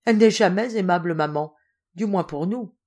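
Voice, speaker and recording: A woman's voice: fairly low pitch, moderate pace, a little mellow, natural voice. A woman doing an effusive young girl. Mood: earnest. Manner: effusive, fervent, exclamatory. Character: affectionate eager young noble daughter.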